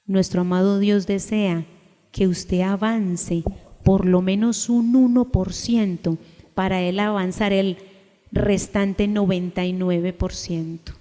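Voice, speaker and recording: A woman preaching a sermon, emphatic and deliberate, putting repeated questions to her congregation. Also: mid-range voice, steady tone, mellow. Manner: slow, deliberate delivery with sudden raised cries. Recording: long echo of a large hall.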